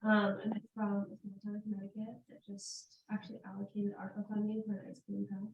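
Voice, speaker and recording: A woman's voice: medium pitch, completely flat delivery, brisk. A young woman, a visiting college student, introducing herself casually. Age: young adult. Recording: dull, distant, echoey room mic.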